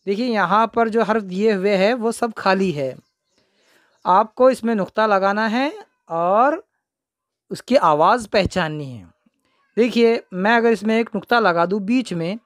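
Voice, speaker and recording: A man's voice: sits high, no room sound, studio quality. A man teaching young children the alphabet, repeating each word and answering his own questions.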